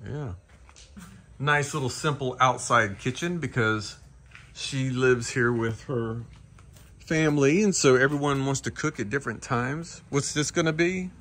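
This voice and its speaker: A man's voice: mid-range voice, unhurried, fairly bright tone. Rambling middle-aged man vlogging. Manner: chatty, rambling, with frequent laughs and restarts. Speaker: travel vlogger. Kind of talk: casual travel vlog. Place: outdoors in a village and inside a shopping mall. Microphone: handheld camera at arm's length.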